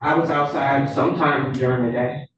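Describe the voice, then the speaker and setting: A woman's voice: rumbling low, fairly even intonation, normal speed, slight background noise. A woman giving formal testimony as a witness in brief, reserved answers. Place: indoor courtroom witness box. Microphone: courtroom microphone. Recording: very echoey room, distant dull mic.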